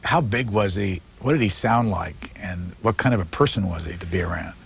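A man's voice: deep voice, moderate pace, vocal fry, husky. A man interviewing a guest with direct, probing questions.

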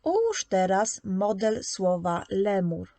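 A woman narrating a scripted preschool lesson, patient and clearly articulated as she sounds out letters. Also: mid-range voice, very animated, slow, dark tone, no echo. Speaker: preschool teacher.

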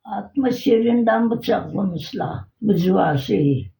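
Slow, creaky elderly village woman. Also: mid-range voice, expressive, dark tone. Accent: rural Turkish, Yörük village dialect. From rural Turkey. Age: older. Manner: earthy, repeats phrases. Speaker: village elder being interviewed. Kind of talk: informal oral storytelling. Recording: echoey, dull lo-fi recording.

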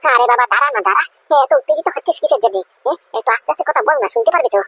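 A woman's voice: high-pitched, expressive, very fast, a bit bright, slightly rough, no echo, heavily acted. A woman voicing a scolding, nagging mother in a cartoon. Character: scolding older mother of a company family.

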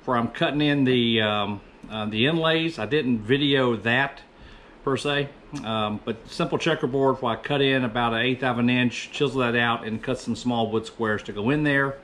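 This fifties-aged woodworker talks through his own project at a moderate pace, rambling casually and frequently correcting himself. He has a medium-pitched, slightly bright voice. The recording from his small indoor workshop carries a little background noise.

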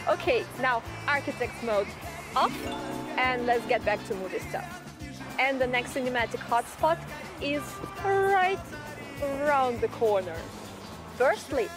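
A woman in her thirties from Russia giving an articulate, measured vlog tour as a guide. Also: a little high. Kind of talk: scripted vlog narration.

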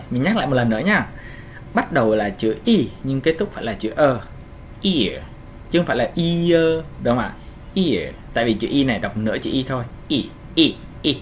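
Over a faint hiss, a man with a medium-pitched voice teaches English pronunciation casually and patiently. He slowly repeats each sound and keeps checking whether his listeners are following along.

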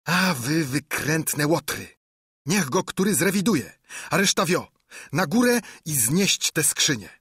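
A man shouting as a raging blind old pirate beggar. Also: sing-song, slow pace, husky, dry recording, studio quality, full character voice. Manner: shrill, shouting orders.

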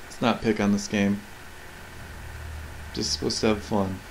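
Over game music, a man reviewing video games rambles casually about cutscenes, offering opinions and wondering aloud in questions. His lowish, creaky voice is level and a little slow, on a rough recording with some hiss or hum.

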